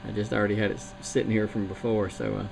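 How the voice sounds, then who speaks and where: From his home radio station, a CB radio operator chats casually and rambles a bit in a lowish, gravelly voice. He talks fast in a level tone, and the radio transmission is noisy.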